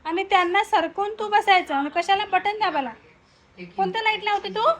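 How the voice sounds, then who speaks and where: Woman, very high pitch, teasing, home family video. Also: normal speed, fairly bright tone. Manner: teasing and scolding a small child. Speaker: mother filming her children. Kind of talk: casual family video with narration.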